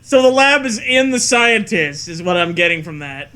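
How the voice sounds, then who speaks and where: A man reads a silly story aloud and breaks off for wry, sarcastic asides. His voice sits high and moves a lot. The tone is that of a casual comedy reading. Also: animated, moderate pace, sharp tone, smooth.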